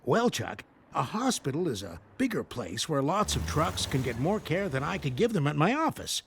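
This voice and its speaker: A man voicing a kindly, patient truck doctor in a children's cartoon, gentle and explanatory. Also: a little high, big pitch swings, moderate pace, slight background noise. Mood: reassuring.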